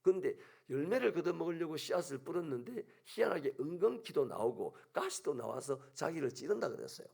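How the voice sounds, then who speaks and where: A pastor with a Gyeongsang accent preaches with animated storytelling, and his voice swings widely up and down. The tone is gravelly and a bit husky, and it sits somewhat high for a man. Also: a little fast, hardly any pauses. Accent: Gyeongsang Korean. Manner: animated storytelling, acting out scenes. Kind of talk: sermon. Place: church sanctuary.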